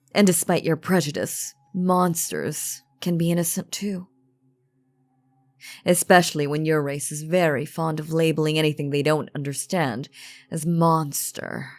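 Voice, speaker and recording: In a scripted roleplay audio drama, a woman voices an elegant vampire noblewoman who is calm and menacing, teasing and condescending through genteel, formal phrasing. Her voice is deep, the recording dry, and her mood stern and reproving.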